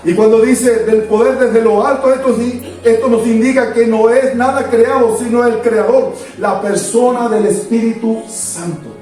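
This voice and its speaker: A man's voice: very high voice, fairly even intonation, moderate pace, few pauses, mellow. A male pastor preaching a fervent sermon, hammering points home in repeated lists. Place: church sanctuary. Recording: echoey church, distant mic, faint music.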